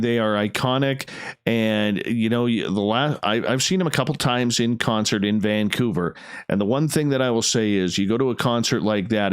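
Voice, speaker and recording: A man with a smooth, resonant voice hosts casual late-night talk radio. He is effusive and emphatic, repeating phrases for effect, and recorded close and dry. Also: on the low side, no echo. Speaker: radio show host.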